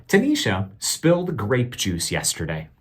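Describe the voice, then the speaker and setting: There's slight background noise as a man with a voice on the low side reads a picture book aloud, teacher-style. Deliberate and expressive, he stops to ask the children questions.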